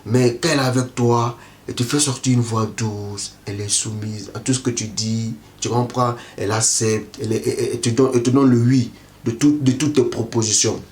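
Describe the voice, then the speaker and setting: A man's voice: medium pitch, fairly even intonation, brisk, darkish tone. A man giving dating advice straight to the viewer in a casual monologue, who keeps checking if the listener understands. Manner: repetitive, keeps asking "tu comprends?".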